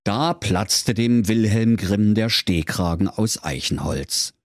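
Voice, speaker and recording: A man's voice: fairly low pitch, lively intonation, takes it slowly, no room sound, clean studio sound. A man narrating a comic fairy tale in a mock-solemn storytelling manner.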